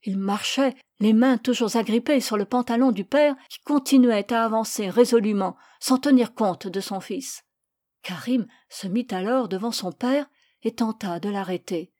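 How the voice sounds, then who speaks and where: Woman reading a story, fairly high voice. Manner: measured, expressive storytelling. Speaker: narrator.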